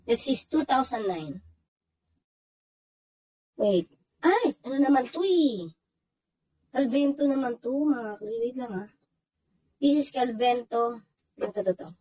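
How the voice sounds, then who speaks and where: A woman's voice: on the high side, breathy edge, low-quality recording. A woman co-hosting a casual talk show, reading English passages aloud and commenting on them in Tagalog. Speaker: co-host.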